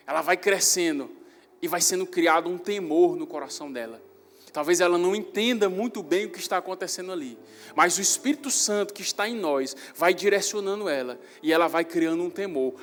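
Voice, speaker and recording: High-voiced pastor preaching in a reverberant hall. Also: male voice. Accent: Northeastern Brazilian. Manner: animated storytelling, rising loud on emphasis. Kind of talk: sermon. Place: church hall. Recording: reverberant church hall with faint music.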